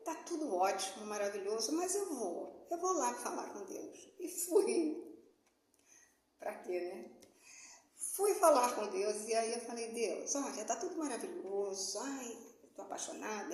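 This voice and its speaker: Woman, storytelling vlog, fairly high voice, dramatic retelling, echoey room. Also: measured pace. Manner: animated, dramatic retelling with quoted dialogue. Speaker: channel host telling a personal story. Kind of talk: casual personal storytelling.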